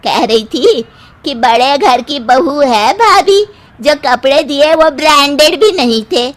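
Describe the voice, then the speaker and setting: A woman voicing a demanding, scolding older mother-in-law in a cartoon moral story. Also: high-pitched. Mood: scolding, aggrieved. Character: nagging, greedy mother-in-law, older woman, partial to her daughter.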